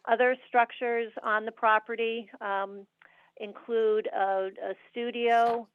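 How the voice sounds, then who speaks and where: A woman heard over a speakerphone, presenting a permit application at a public meeting, steady with frequent ums and uhs. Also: on the high side, slow pace. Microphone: speakerphone on a remote call. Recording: tinny, dry phone line.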